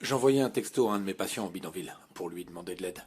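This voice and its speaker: A man's voice: low voice, rapid-fire, heavy background noise, close to an everyday voice. An actor dubbing an evasive, irritable man in a telenovela. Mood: irritated.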